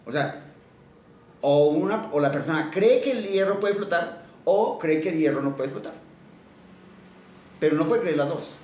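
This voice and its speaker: A man's voice: fairly high pitch, expressive, normal speed, pauses often, darkish tone. A man giving a teaching sermon who reads scripture aloud, quizzes his listeners and has them repeat lines after him. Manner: quizzes listeners and leads call-and-response repetition; reads scripture aloud, then explains it plainly. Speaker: preacher. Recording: roomy echo, voice from a distance, faint background noise.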